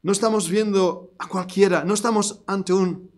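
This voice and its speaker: High-voiced Spanish preacher, emphatic. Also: male voice, normal speed. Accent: Spain Spanish. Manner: animated preaching, bursts into loud emphatic lines, jokey asides to the congregation. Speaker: pastor. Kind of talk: sermon. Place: church service before a congregation.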